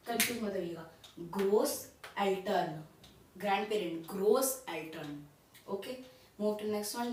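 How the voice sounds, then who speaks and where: Woman tutor, higher voice, spells and repeats words; recorded off-mic in a boomy room. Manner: spells out words letter by letter, repeats and checks with "okay?". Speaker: language teacher. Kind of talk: casual tutorial explanation. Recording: very echoey room, distant mic, faint noise.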